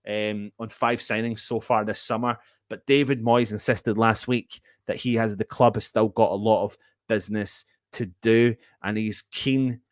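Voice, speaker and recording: A man's voice: lowish voice, no echo, studio quality. A man hosts a football fan live show, chatting casually and chummily with viewers and commenting on club news. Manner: chummy, greets viewers as mate.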